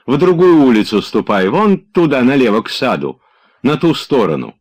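A man's voice: medium pitch, very animated, moderate pace, darkish tone, pitched above the performer's own voice. A man voicing an impatient nobleman who nervously pushes and orders his servants about. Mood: urging. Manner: urgent, commanding, nervous. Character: agitated impatient male nobleman.

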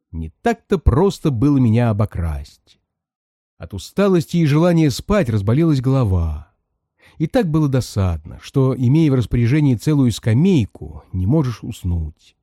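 A male storyteller whose reading swings widely in pitch. His voice is mellow and dark, and the recording is dry and close. He acts out each character as he reads. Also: dry recording. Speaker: reader.

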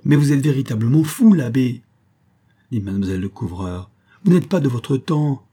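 A man's voice: medium pitch, expressive, normal speed, breathy edge, voice pushed up. A man voicing a spirited, teasing young stage actress in a read-aloud historical story, raised well above his own voice. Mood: pleading. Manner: bright, teasing, pleading. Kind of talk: audiobook reading.

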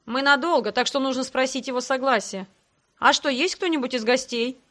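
A woman voicing a brisk, cheerful young man who talks in a breezy, reassuring way in an audiobook. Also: high voice, a bit bright. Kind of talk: audiobook character voice.

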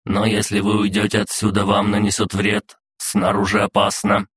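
A man's voice: on the low side, big pitch swings, moderate pace, creaky, fairly bright tone, slightly rough, pitched above the performer's own voice, full character voice. A man voicing a polite, deranged male spider robot guard with a courteous, mechanical, insistent manner.

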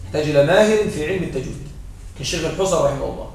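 A man's voice: on the high side, racing, darkish tone. A male teacher giving a classroom grammar lesson, explaining patiently, repeating his points and checking that a student follows. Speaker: Arabic morphology teacher. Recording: very echoey room, voice heard from far off.

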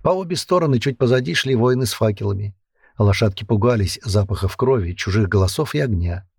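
Low, husky male audiobook narrator. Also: animated, a little fast, a little mellow, dry recording, clean studio sound.

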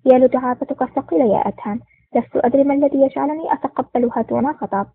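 Brief: woman voicing a jovial chubby male sidekick, breathy, fast, dry phone-like audio. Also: sits high. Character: jolly heavy male sidekick friend. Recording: tinny phone-like dry recording.

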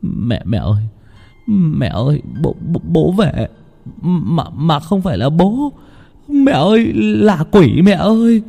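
A frightened young boy from a spoken ghost story, high-pitched and stammering, as a male narrator puts him on. His voice leaps around wildly in panic. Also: sing-song, slow, vocal fry, dark tone, slightly rough, soft background music, exaggerated voice. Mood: terrified, pleading. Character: terrified young village boy, usually unruly.

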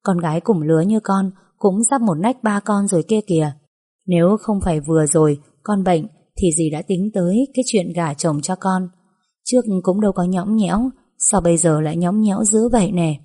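Woman doing kind older matron, gentle coaxing, low husky mellow voice, storybook. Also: moderate pace. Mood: doting. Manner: gentle, coaxing, motherly scolding. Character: kind fussing older landowner's wife, doting.

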